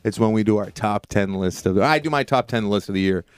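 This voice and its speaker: A man's voice: fairly low pitch, fast talker, smooth, no echo. An American man chatting casually and informally as a podcast co-host, repeating himself for emphasis. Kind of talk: casual chat.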